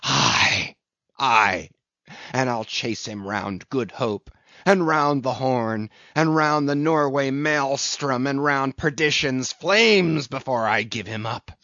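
A man's voice: mid-range voice, slow, a bit bright, dry recording, dull audio. A man voicing a fierce, obsessed old whaling captain in an audiobook, bellowing in declamatory, archaic seafaring speech. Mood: vengeful, fervent.

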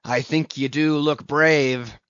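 A man's voice: on the high side, steady tone, takes it slowly, a bit bright, smooth, no echo, muffled recording, voice pushed up. A man voicing a fierce, obsessed old whaling captain in an audiobook, bellowing in declamatory, archaic seafaring speech. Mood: vengeful, fervent.

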